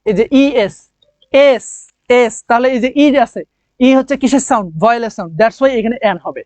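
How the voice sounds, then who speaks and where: A man's voice: extremely high pitch, dry recording. A man teaches an English lesson for admission exams. He asks his students questions, answers them himself, and draws out the key words. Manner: drawn-out emphasis on key words. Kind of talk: online admission coaching lesson.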